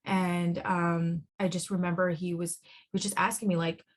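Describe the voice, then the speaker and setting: A woman speaking as a podcast guest, telling a personal story in an earnest, halting way, often repeating words and restarting. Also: fairly low pitch, level tone, slight background noise. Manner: earnest and heartfelt. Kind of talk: emotional personal testimony.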